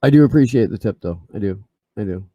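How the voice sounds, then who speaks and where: Gruff, scruffy man with a low voice. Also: lively intonation, fast, no echo, muffled recording. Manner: rambling, swears a lot, many fillers and restarts. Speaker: podcast co-host. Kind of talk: casual live-stream chat.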